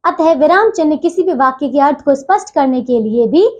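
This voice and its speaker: Young female teacher, high voice, patient, keeps checking kids follow, classroom explainer. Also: expressive, fairly quick, a little mellow. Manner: patient, repeats "theek hai bachchon" constantly. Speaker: school Hindi teacher. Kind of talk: online grammar lesson for children.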